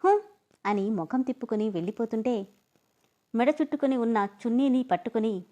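A woman narrating a story in steady, scripted storytelling. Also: a little high, fairly quick.

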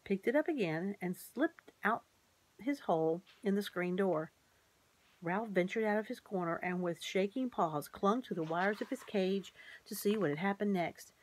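A woman reading a children's chapter book aloud in a measured, gently expressive way. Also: mid-range voice. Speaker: narrator. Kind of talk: storybook read-aloud.

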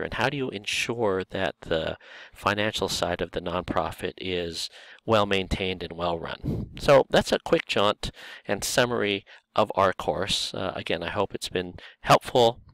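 A low-voiced man with a gravelly, creaky edge walks students through a recorded course review. He talks in a relaxed way, with frequent filler words. The sound is dry and close, with no room echo. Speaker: course instructor. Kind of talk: recorded lecture video.

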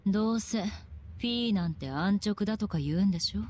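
A woman's voice: medium pitch, lively intonation, brisk, a little mellow, lightly acted. A woman playing a brusque, cool young leader in an anime game, blunt and unimpressed. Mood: irritated, flat.

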